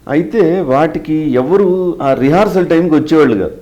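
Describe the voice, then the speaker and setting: A middle-aged mimicry artist answers interview questions and recounts stories from his career, explaining things and slipping English phrases into his speech. His voice is fairly high and warm at a moderate pace, though the audio is dull.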